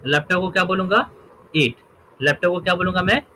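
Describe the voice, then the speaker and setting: A man's voice: high voice, fairly quick, sharp tone, slight background noise, poor audio. A man teaching a grammar lesson, explaining through examples and often checking that his students follow. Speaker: English teacher.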